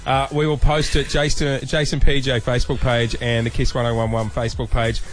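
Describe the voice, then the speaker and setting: A man's voice: mid-range voice, level tone, a little fast, soft background music. An Australian man hosting a breakfast radio show, joking and teasing his guest in upbeat banter.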